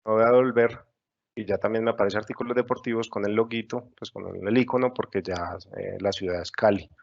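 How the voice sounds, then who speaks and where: A man's voice: on the low side, steady tone, a little fast, vocal fry, highs cut off. A man teaching a webinar tutorial, explaining patiently step by step with frequent fillers. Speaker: software instructor. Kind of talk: screen-share webinar tutorial.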